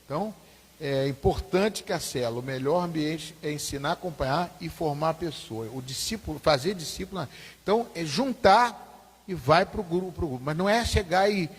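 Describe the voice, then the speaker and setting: This pastor's husky, expressive voice leans high and moves at a moderate pace. He leads a Sunday school class informally, repeating himself and often questioning the group, with the church hall's reverb around him.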